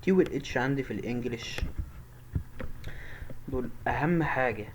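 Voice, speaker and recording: A man with an Egyptian Arabic accent teaching English pronunciation, repeating each word slowly and emphatically as a drill. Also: medium pitch, animated, a little hiss or hum, low-quality recording. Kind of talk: pronunciation lesson.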